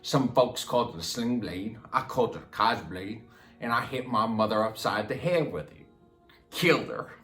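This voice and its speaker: Playing a simple, slow rural Southern man, the actor confesses in a halting, repetitive, plain-spoken drawl for a dramatic film monologue, and the mood is cold and matter-of-fact. His natural mid-range voice has a fairly bright tone. Music plays underneath, and the room has a noticeable echo.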